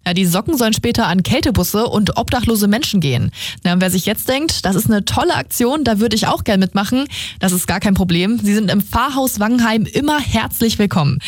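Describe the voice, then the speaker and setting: A woman's voice: mid-range voice, breathy edge, no room sound, clean studio sound. A woman radio reporter giving a friendly, informative scripted report on a local project.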